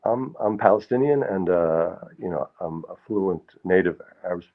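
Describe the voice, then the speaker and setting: Over phone-quality sound, a middle-aged man with a low, animated voice speaks at normal speed, telling rambling, funny acting stories to a live audience in a small hall. He is a self-deprecating storyteller who restarts frequently.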